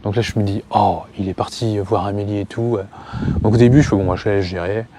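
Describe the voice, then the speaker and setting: A man telling a personal story to camera in a casual way, stopping calmly to give viewers advice. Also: lowish voice, a little fast, background noise. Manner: calm, advice-giving aside to viewers. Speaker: family and parenting vlogger.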